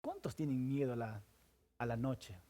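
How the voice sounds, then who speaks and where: A pastor preaches to his congregation at a normal speed, sounding animated. He repeatedly asks listeners questions and answers them himself, alternating between loud emphasis and quiet, low asides.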